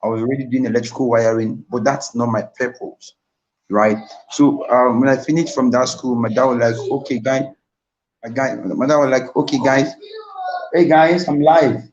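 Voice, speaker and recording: An invited speaker, a young man with a Nigerian accent, gives a motivational talk on a live stream, earnestly recounting his own story and repeating key points straight to his audience. His mid-range voice has fairly even intonation and a moderate pace, and the audio is dull.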